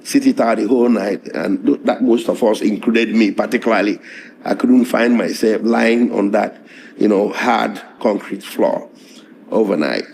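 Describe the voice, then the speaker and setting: A middle-aged lawyer with a hoarse, strained voice, recounting events in a measured, halting interview manner. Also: male voice, lowish voice, a little mellow, a little hiss or hum. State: hoarse, voice strained after tear gas.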